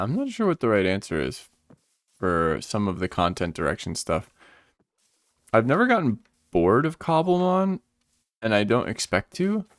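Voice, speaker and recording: A young man with a lowish voice streams a game, chatting casually while sleepy and yawning, rambling and thinking aloud with lots of fillers. The sound is clean studio quality with no echo.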